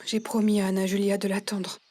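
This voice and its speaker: A woman's voice: medium pitch, little pitch movement, fairly quick, a little mellow, natural voice. An actress dubbing a loving young woman who stands firm with her partner, tender but resolute. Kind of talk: dubbed telenovela acting.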